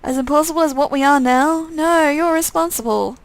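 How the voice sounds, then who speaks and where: A sardonic, flesh-hungry young twin brother, put on by a woman reading a game aloud, grumbling and menacing by turns. The voice sits rather high with a gravelly edge. It is recorded dry and close. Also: a little fast, no echo. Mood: mocking.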